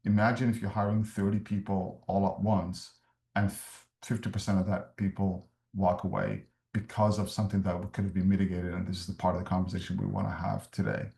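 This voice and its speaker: Deep-voiced man from Somalia presenting. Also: level tone, creaky, dark tone, echoey room. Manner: measured, explanatory, frequent fillers. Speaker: refugee services speaker. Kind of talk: webinar presentation.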